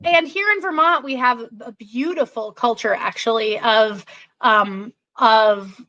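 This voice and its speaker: A woman's voice: on the high side, a little slow, sharp tone, lo-fi sound. A woman in her forties, a political candidate talking passionately in a podcast conversation, emphatic and full of restarts.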